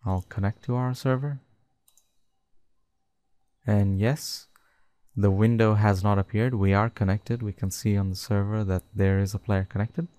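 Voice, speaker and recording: Slow, low-voiced man dictating code. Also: fairly even intonation, mellow, no room sound. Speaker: tutorial host. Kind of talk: screen-recorded coding tutorial.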